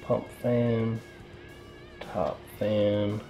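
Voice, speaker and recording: A man's voice: on the low side, flat delivery, drawn-out words, warm tone, soft background music. A man casually narrating as he repastes and reassembles his computer, rambling and self-deprecating, talking to himself as he works. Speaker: PC hobbyist vlogger. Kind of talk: casual narration while working on a PC.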